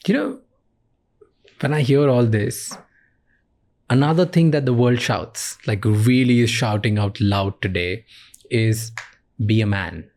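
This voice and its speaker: A man's voice: medium pitch, measured pace, long pauses, a little mellow. A man hosting a podcast interview who asks short, probing questions. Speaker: podcast host.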